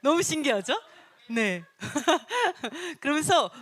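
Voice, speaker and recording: A woman teaching a church Bible study in an animated way, acting out short quotes and laughing often. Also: high voice, slow.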